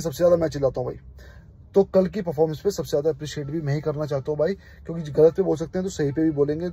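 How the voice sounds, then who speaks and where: A young man from India hosts a football fan channel, sharing opinions in a passionate, emphatic casual vlog and repeatedly saying "brother." His voice is fairly high with a dark tone and a breathy edge.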